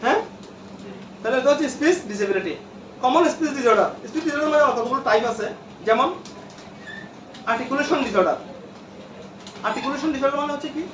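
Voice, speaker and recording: A man's voice: very high-pitched, quick pace, long pauses, a bit bright, a little hiss or hum. A male teacher lecturing a classroom, repeating terms and quizzing his students. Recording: echoey room from far off.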